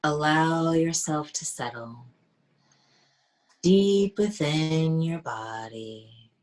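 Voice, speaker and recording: Very slow, low, soothing woman guide. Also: expressive. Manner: soft, slow and soothing, half-whispered. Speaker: meditation guide. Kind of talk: guided meditation.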